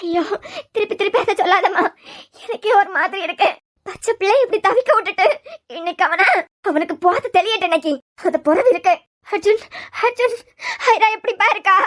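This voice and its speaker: Woman doing a shrill, wailing old grandmother. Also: fairly quick. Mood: lamenting. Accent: Kanyakumari Tamil. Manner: lamenting, wailing. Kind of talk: cartoon serial voice acting.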